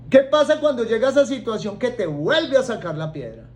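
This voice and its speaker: A man with a Colombian accent preaching a sermon, joking and acting out voices for his congregation. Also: high voice. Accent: Colombian Spanish. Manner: animated, acts out voices and jokes with the congregation.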